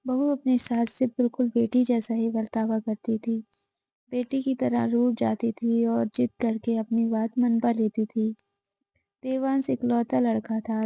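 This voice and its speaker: Gravelly dark-voiced woman storyteller. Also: on the high side, no echo. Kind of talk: scripted story narration. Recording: dull lo-fi audio.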